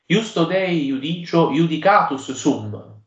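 A man voicing a dead man's corpse that cries out from its bier in a loud, solemn proclamation. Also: fairly high pitch, lively intonation, slow, echoey room, muffled recording, voice pushed up. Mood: dread.

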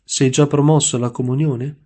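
A male narrator gives voice to a gentle young priest in a spoken storybook, devoted and earnest. He asks his questions kindly, in a mellow, dark tone at a middling pitch. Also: fairly even intonation, moderate pace, lightly acted.

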